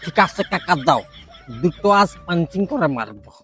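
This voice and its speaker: A man's voice: a little high, sing-song, moderate pace, pushed and bright. Comedy skit: male actor as frustrated young village drinker, matey and crude, music underneath. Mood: cocky. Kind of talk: broad comedy skit acting.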